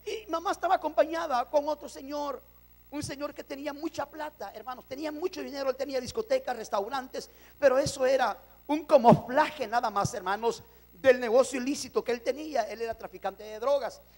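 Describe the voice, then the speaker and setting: A man from El Salvador preaches his testimony with fervor, calling his listeners brothers. His voice sits unusually high for a man. He swings from loud, stretched declarations to quiet storytelling. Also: brisk. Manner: impassioned, addresses congregation as brothers. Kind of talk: testimony sermon.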